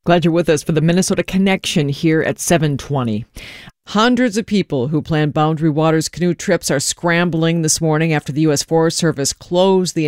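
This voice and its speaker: Radio news guy, voice sits a bit high, dry studio sound. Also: darkish tone, dry recording. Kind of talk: scripted news presenting.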